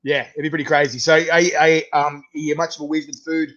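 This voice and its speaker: A man's voice: a little high, level tone, fast, a bit bright. A man with a broad Australian accent hosting a casual interview, chatting in a matey, slangy way. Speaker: host interviewing a guest. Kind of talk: casual chat. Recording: dull, lo-fi sound.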